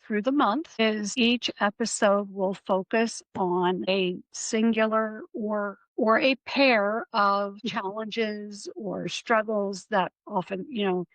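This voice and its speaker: Speaking slowly with few pauses, this podcast host has a mid-range, steady, fairly bright voice on a dry, rough recording. In a conversational interview, she explains earnestly and keeps restarting what she's saying.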